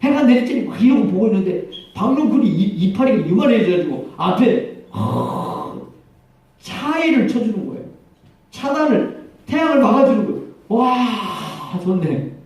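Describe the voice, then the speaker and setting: Brief: male pastor, storytelling sermon, high and gravelly, booming church echo, mic at a distance. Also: normal speed. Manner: storytelling, animated, chuckling. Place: church sanctuary. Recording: echoey church hall from far off.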